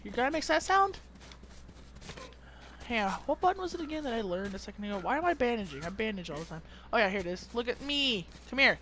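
A man's voice: very high-pitched, big pitch swings, fast talker, a bit bright, slight background noise. Teasing, chatty young man gaming. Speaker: gamer. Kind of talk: casual gameplay chat.

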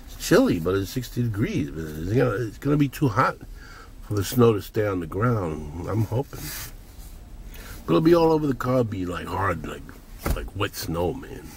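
A man's voice: lowish voice, big pitch swings, moderate pace, a little mellow, slight background noise. An older man giving a blunt, profane vlog rant while running errands. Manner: blunt, profane, ranting, heated bursts. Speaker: vlogger.

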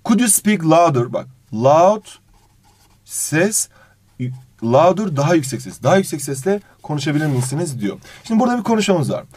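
An animated male English teacher runs an exam review lesson, reading English phrases and then translating them while addressing the student fondly. His voice is on the high side and slightly rough, at normal speed with animated intonation, and there is no echo.

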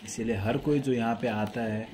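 A man's voice: medium pitch, fairly even intonation, moderate pace. A young man narrating a travel vlog to camera outdoors on city streets at night, eager and talking straight to his viewers. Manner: enthusiastic, addresses viewers as guys. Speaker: travel vlogger. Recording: loud street traffic noise.

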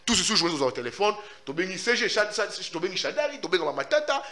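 Animated Congolese man defending himself. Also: high voice, quick pace. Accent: Congolese French. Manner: emphatic and insistent, repeats himself. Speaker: journalist, interviewee. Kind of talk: animated interview answers, mixing in Lingala.

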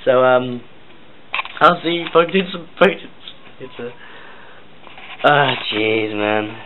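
A man's voice: mid-range voice, lively intonation, takes it slowly. A man who is ill, hosting a casual vlog with a muffled voice and lots of hesitant ums. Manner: hesitant, many ums and uhs. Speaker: channel host. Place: at home. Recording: tinny lo-fi phone-like recording with faint hiss.

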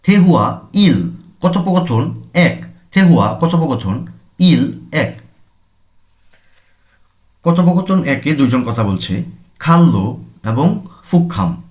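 In a language center classroom or studio, a man from Bangladesh records a language lesson at an unhurried, deliberate pace, repeating each term before explaining it. His pitch swings widely as he stresses words, and he sounds very animated with a slightly mellow voice.

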